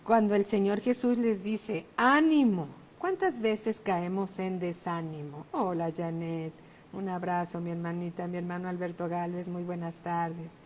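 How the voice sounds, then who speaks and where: Slow, emphatic woman pastor preaching. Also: on the low side, level tone, mellow, slight background noise. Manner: slow, emphatic preaching, raising her voice for exclamations. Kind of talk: sermon.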